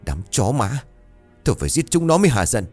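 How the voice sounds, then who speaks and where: A man voicing a poor, enraged young peasant man in a ghost story, spitting out fast angry vows. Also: medium pitch, very animated, a little mellow, faint music behind, pitched above the performer's own voice. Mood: furious.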